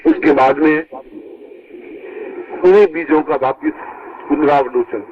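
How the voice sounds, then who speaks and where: A man giving a spiritual discourse to his disciples, heard from an old, worn tape, emphatic and leaping high when he stresses a point. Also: animated, a little slow, highs cut off. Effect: old worn tape recording. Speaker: spiritual teacher.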